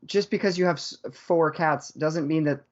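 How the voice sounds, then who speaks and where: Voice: mid-range voice, normal speed. A podcast co-host in casual chat, joking around and tossing in playful sound effects. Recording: slightly muffled sound.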